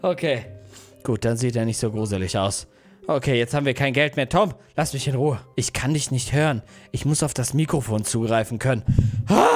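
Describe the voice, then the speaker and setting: A young man narrating a mobile game as a YouTuber, excitable and yelping in fright. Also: medium pitch, brisk, faint music behind. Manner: excitable, yelps and shouts in fright. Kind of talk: let's play commentary.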